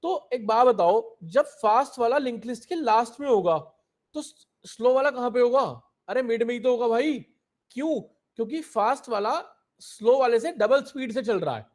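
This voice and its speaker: A man's voice: very high-pitched, normal speed, a little mellow. A young man teaching a live online coding class, explaining step by step and keeping on asking his students if they understood.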